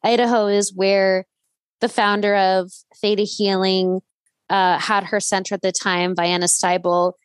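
A woman's voice: mid-range voice, flat delivery, a little slow, clear, resonant tone, no echo. A woman from the LA area with a Southern California accent, chatting informally and slangily as an interviewer, often saying "like". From Los Angeles Valley, California. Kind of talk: casual chat.

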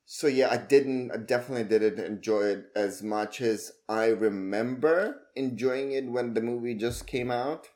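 Halting man podcast co-host. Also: mid-range voice, a little mellow. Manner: halting, restarts phrases often. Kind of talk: casual movie-review chat.

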